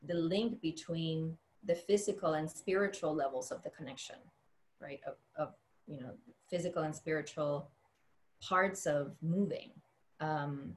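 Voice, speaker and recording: A woman from the Dominican Republic speaks on a panel about her work as a dance teacher and choreographer. Her voice sits low, and she thinks aloud, circling back with frequent ums and restarts. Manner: thoughtful, many fillers and restarts. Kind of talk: panel discussion.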